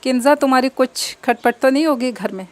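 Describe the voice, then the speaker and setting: A woman's voice: sits high, fairly quick, close to an everyday voice. Middle-aged mother, scolding and suspicious, read by a woman.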